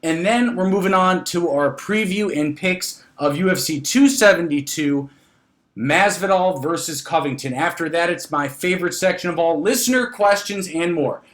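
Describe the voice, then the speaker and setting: A podcast host talks sports in a casual, chatty style, repeating phrases for emphasis with plenty of enthusiasm. His voice is fairly high and a bit bright, at a normal speed.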